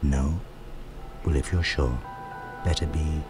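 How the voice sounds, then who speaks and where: Magical talking hat: sly, old, persuasive game creature, deep and theatrical, music underneath. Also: male voice, steady tone, slow. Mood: musing, persuasive.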